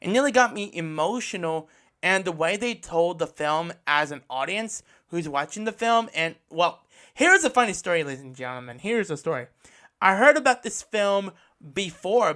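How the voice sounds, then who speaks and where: An Australian man hosts a podcast on his own, casually reviewing anime in an earnest, enthusiastic monologue, often repeating and rephrasing himself. His voice sits high, with a bright, forceful tone.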